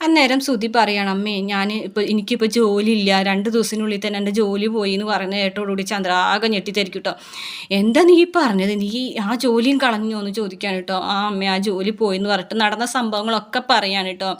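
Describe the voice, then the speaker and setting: A woman talking quickly as she recaps a serial episode. She quotes each character's lines in her own voice, with little change in tone, keeping her storytelling casual and conversational. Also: medium pitch, steady tone. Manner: brisk retelling, quoting characters in a plain voice.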